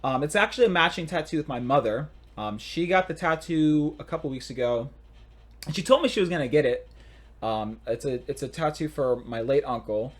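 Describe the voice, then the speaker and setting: Fast-talking young man telling stories. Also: a little high, animated. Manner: fast, rambling storytelling with playful bragging. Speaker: podcast co-host. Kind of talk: casual podcast chat.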